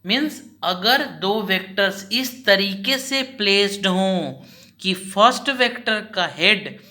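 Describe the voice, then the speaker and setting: Bright-voiced man teaching a class. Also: sits high. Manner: asks questions and answers them himself; patient, repeats each point slowly. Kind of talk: recorded class lecture.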